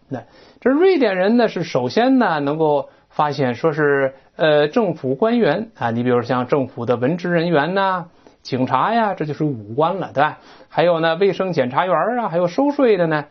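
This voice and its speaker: Teacher, vocabulary lecture, animated pitch, step-by-step explaining, muffled lo-fi sound. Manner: lively, explains step by step, asks the class questions. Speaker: English teacher. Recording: dull lo-fi recording.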